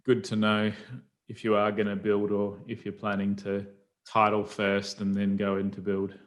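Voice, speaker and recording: A man's voice: fairly low pitch, completely flat delivery, moderate pace. A man hosting a casual interview, prompting with questions and brief agreements. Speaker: podcast host.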